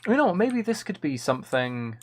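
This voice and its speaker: With a high voice and big swings in pitch, a man talks at normal speed during casual gameplay stream chat. He rambles with enthusiasm, thinking his ideas through out loud, and keyboard clicking is clearly audible in the background.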